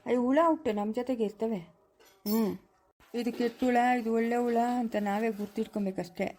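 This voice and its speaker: A woman's voice: a little high, steady tone, fairly quick, darkish tone, a little hiss or hum, lightly acted. A woman playing a stern scolding elder. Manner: scolding, lecturing. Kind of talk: family village drama.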